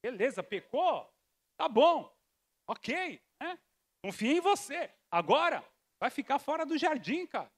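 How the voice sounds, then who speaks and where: A man's voice: very high-pitched, very animated, a little slow. A man, a pastor preaching at a church service in a casual, joking style with slang and funny personal stories. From São Paulo, Brazil.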